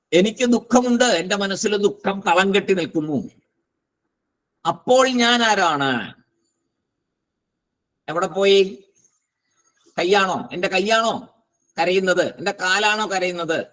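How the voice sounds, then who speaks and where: A man teaching a philosophy class, slow and deliberate, posing rhetorical questions and answering them himself. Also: high voice, a bit bright, poor audio. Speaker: spiritual teacher. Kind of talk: Vedanta philosophy class lecture.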